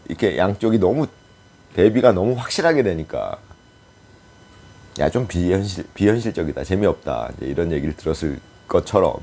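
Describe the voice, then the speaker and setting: A man giving a casual political commentary monologue, speculating aloud and pausing often with hesitant fillers. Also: deep voice, darkish tone.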